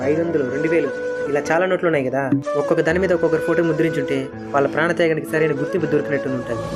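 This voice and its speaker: A man acting a comic village sketch, chatty and quick in his delivery. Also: on the high side. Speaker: comedy sketch lead actor. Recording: music playing underneath.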